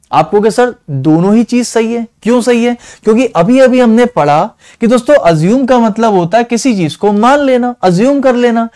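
A man's voice: sits high, darkish tone. A man teaching an online exam-prep reasoning lesson, coaxing his students and asking them again and again to answer honestly.

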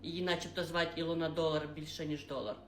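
A woman voicing a soft-spoken middle-aged male office boss who talks quietly and hesitantly. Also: sits low, steady tone, fast, pitched below the performer's own voice, lightly acted. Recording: roomy room with faint music.

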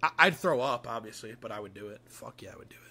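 A man's voice: medium pitch, expressive, fast, bright, forceful tone. A young man chatting casually as a game streamer in a crude, slangy frat-bro manner with lots of swearing. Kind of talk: casual livestream gameplay chat.

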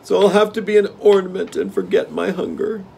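A man's voice: high voice, fairly even intonation, brisk, vocal fry, darkish tone, breathy edge, pitched above the performer's own voice, exaggerated voice. A man voicing a starving male tiger with a tender conscience, whining and drawing out his words. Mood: plaintive, longing.

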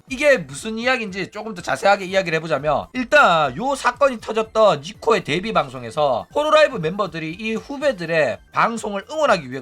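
Guy streamer ranting casually about online drama, very high voice, faint music behind. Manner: animated, acts out quoted streamers in raised voices. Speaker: streamer host.

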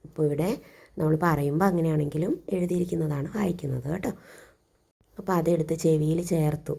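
A woman's voice: low-pitched, a little fast, vocal fry, dark tone, breathy edge. A woman teacher reading a story to children and explaining it, asking questions and answering them herself. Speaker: primary school teacher.

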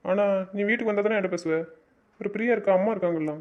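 Guy in a romance audio drama, high quick voice, bossy and teasing, muffled lo-fi sound. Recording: dull lo-fi recording.

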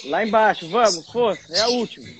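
A man's voice: sits high, animated, brisk, background noise. A man coaching a workout, encouraging and calling out rep counts. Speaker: personal trainer.

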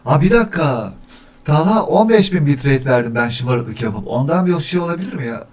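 A man's voice: fairly high pitch, animated, normal speed. Male streamer, casual and chatty; counts weekdays for mic checks and gets irritated with his setup. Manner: easily annoyed, grumbling about echo. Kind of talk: casual livestream chat.

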